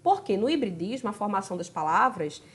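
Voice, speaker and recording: A woman's voice: medium pitch, sing-song, brisk. A woman with a Brazilian Portuguese accent teaching a grammar lesson, talking straight to her students and checking in with them often. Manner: chatty, addresses students directly with tag questions. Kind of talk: recorded video lesson.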